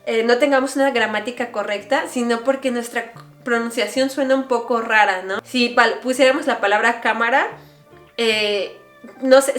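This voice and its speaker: Chatty Mexican woman in a roomy room. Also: on the high side. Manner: chatty, explains with many examples and asides. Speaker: vlogger. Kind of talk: casual explainer vlog. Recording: roomy echo, faint music behind.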